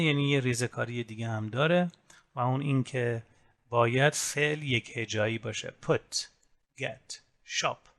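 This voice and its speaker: A man teaching an English grammar lesson, explaining rules step by step and saying English example words slowly. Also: mid-range voice, a bit bright. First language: Persian. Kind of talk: recorded grammar lesson in Persian.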